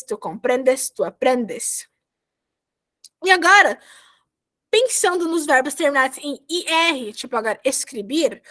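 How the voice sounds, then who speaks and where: Over a video call, a woman with a high-pitched voice teaches Spanish grammar. She goes through verb endings patiently, one step at a time, and often repeats herself.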